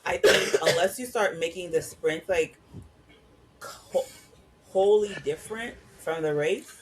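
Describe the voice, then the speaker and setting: A woman co-hosting a podcast in casual chat, relaxed, thinking aloud and restarting her sentences. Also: lowish voice, a little slow, background noise. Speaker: podcast co-host.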